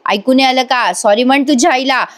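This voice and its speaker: A woman's voice: sits high, fairly quick, close to an everyday voice. A woman voicing a stern father who scolds his daughter angrily. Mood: angry.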